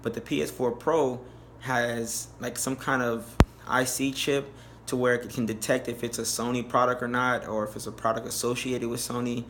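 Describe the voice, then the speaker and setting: A man presents a DIY tutorial in an informal, plain-spoken way. His delivery stays flat and even at a middling pitch. There is faint background noise in the amateur recording. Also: normal speed. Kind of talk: casual how-to narration.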